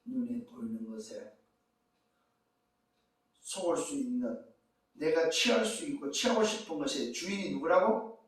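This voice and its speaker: A man's voice: on the high side, expressive, unhurried, long pauses. A man preaching a sermon as pastor, emphatic, firing rhetorical questions at the congregation. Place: church sanctuary. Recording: echoey church hall from far off.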